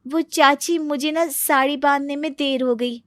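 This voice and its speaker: A woman voicing a polite, soft-spoken young newlywed bride in a cartoon story. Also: sits high, fairly even intonation, measured pace, dry recording, studio quality, voice pushed up.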